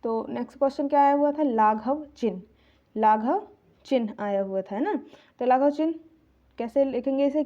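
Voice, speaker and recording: A woman tutor talking through exam answers, repeating phrases, often pausing on "uh" and checking in with "right?". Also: fairly high pitch, lo-fi sound. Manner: repeats phrases, frequent "uh" fillers and tag "है ना". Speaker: civil services exam tutor. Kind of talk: spoken exam answer walkthrough.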